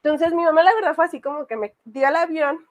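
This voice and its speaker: A woman's voice: sits high, fairly even intonation, quick pace, dull audio. A woman casually telling a personal horror story, rambling with many fillers. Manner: rambling, full of fillers and restarts.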